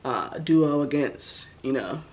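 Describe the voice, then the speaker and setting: On a low-quality recording, a young woman speaks slowly in a low, expressive, slightly mellow voice. Getting over the flu and still stuffy, the vlogger rambles chattily through a casual get-to-know-me Q&A with many ums.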